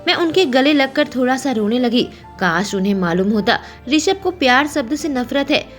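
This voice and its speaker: A woman narrating a romance story in first person, emotional and expressive. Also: high voice, normal speed, soft background music.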